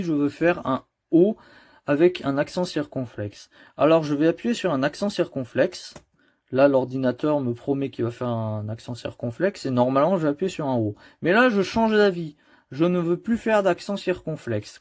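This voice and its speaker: A man's voice: fairly high pitch, a little mellow. A man explaining keyboard shortcuts step by step in a computer tutorial, patient and addressing the viewer directly. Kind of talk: screen-recorded keyboard tutorial.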